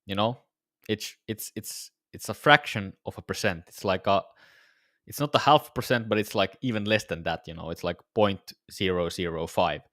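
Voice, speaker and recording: Tired low-voiced man streaming his trading. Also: moderate pace, a bit bright, no room sound, clean studio sound. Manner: laid-back, musing, talks to viewers. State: tired, voice slightly worn. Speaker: day-trading livestreamer. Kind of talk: casual live-stream commentary.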